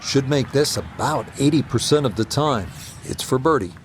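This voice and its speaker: A man as a composed golf commentator in a video game, giving measured broadcast play-by-play. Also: medium pitch, lively intonation, a little hiss or hum, lightly acted. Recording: loud music and crowd behind. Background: music and crowd.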